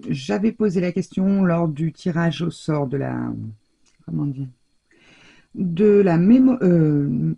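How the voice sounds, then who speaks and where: A woman hosting a casual crafting tutorial, chatting warmly to her viewers with many fillers and self-corrections. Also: mid-range voice, husky, lo-fi sound. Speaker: crafting channel host.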